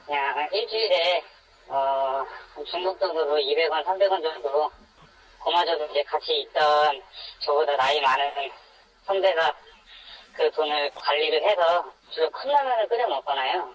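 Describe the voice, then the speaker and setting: Heard through a dull, narrow phone line on radio, this twentysomething man talks at normal speed with a fairly high, fairly bright voice. Electronically disguised, he recounts his experience as an anonymous interviewee on a phone call.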